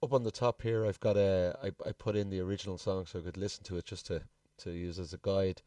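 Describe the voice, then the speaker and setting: Low-voiced man talking from off the mic. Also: fairly even intonation, fast, dark tone, no echo. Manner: informal, thinking aloud. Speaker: music production tutorial presenter. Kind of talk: casual tutorial walkthrough. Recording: distant mic, music playing behind.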